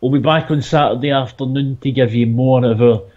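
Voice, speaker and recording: Mellow Glaswegian man, slightly dull recording. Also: medium pitch, a little fast. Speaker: podcast co-host. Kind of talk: casual chat about wrestling and gaming.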